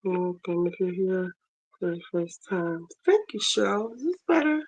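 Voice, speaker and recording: A woman with a hoarse voice chatting casually on a livestream while she cooks in her kitchen. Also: on the low side, big pitch swings, unhurried, a little mellow, poor audio. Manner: chatty, multitasking while cooking. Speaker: livestream host. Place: home kitchen, running water. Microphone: phone camera.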